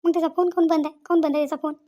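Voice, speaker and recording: A woman voices a frantic young village bride in a cartoon, using a very high, thin voice pitched far above ordinary speech. The anxious daughter-in-law pleads in a racing, repetitive wail, guilty and close to tears. Her tone is level and mellow despite the pleading mood.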